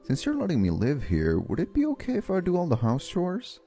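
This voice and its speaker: A man with a slightly high voice speaks fairly quickly, faint music behind him, as he dubs a manga in anime style. His character is a polite, exhausted young office worker who gets flustered, and both narration and dialogue come across earnest, weary and expressive.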